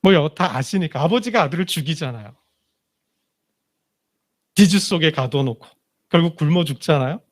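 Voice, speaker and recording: Man, pastor, high voice; chatty sermon built on rhetorical questions, goes soft and low at the emotional points. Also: animated, normal speed, long pauses. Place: church sanctuary.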